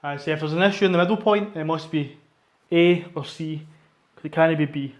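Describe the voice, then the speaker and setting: A man's voice: on the high side, a little fast. A man chatting casually in a workout vlog, plain-spoken and a bit self-deprecating. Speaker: fitness vlogger. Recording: echoey room.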